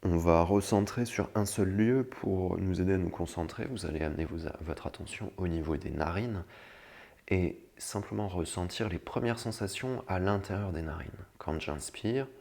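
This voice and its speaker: Low, gravelly man guiding a meditation. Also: a little mellow. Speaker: meditation guide. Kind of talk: guided breathing meditation instruction.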